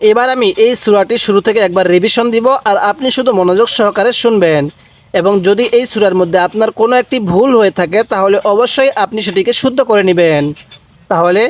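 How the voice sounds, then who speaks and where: A man from Bangladesh, teaching Quran recitation step by step, drawing out each syllable slowly and then explaining briskly. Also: high voice. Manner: slow drawn-out recitation between brisk explanations.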